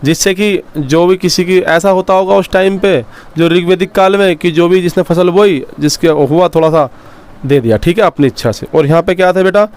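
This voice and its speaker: A male teacher giving a dictation-style history lecture, slowly repeating phrases so students can write them down and addressing them warmly as children. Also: sits high, clear, resonant tone.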